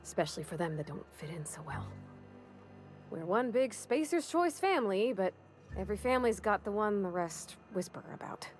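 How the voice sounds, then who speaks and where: A woman's voice: medium pitch, expressive, normal speed, faint music behind, natural voice. A woman voicing a plain-spoken, working-class townswoman in video game dialogue, with a homespun drawl and country grammar. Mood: folksy, wistful.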